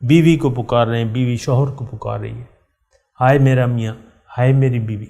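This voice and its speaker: A man's voice: mid-range voice, fairly even intonation, vocal fry, mellow. Man teaching a Quran lesson. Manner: addresses listeners directly, repeats words for emphasis, recites Arabic verses slowly.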